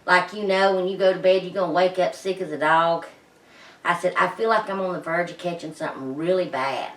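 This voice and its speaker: Lady vlogging thru a face mask, muffled n winded, folksy, echoey room, bit far from mic. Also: lowish voice. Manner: folksy, plain-spoken, halting. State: out of breath, pausing. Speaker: vlog host. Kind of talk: casual personal vlog. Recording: roomy echo, distant microphone.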